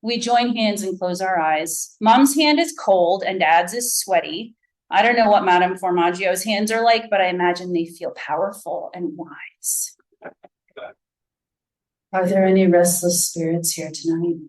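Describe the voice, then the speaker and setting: A woman, an author, reading her fiction aloud with lively storytelling. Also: mid-range voice, unhurried. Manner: lively storytelling, voicing a child narrator. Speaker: author and faculty reader.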